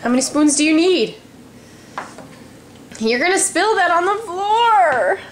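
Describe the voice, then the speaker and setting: A woman's voice: very high voice, big pitch swings, unhurried, a little hiss or hum. A woman in a home video, coaxing her toddler in playful sing-song baby talk with lots of gasps. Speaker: parent filming her toddler.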